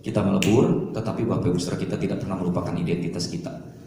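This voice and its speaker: A man preaching a sermon as pastor, telling lively stories and mimicking regional dialects. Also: deep voice, racing, noisy background. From Indonesia. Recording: echoey hall, distant mic.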